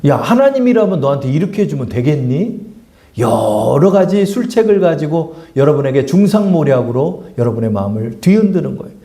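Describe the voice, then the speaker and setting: A man's voice: mid-range voice, warm tone, echoey room. A man preaching a conversational sermon as a pastor, asking his congregation rhetorical questions. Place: church sanctuary.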